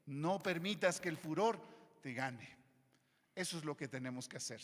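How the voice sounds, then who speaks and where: A male pastor preaching a sermon, switching between loud emphatic lines and quiet low asides. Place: church hall. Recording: long church hall reverb.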